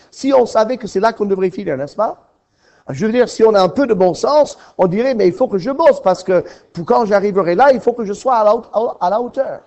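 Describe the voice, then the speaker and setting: A man preaching a sermon, asking rhetorical questions and swinging between loud emphatic lines and soft, low ones. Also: dull audio.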